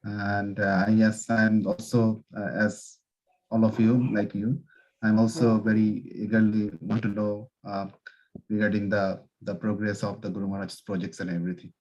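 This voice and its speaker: A man introducing himself in a video meeting, earnest and hesitant with many pauses. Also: lowish voice, little pitch movement, a little mellow, rough recording. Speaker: meeting participant. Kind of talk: self-introduction on a video call. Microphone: video call.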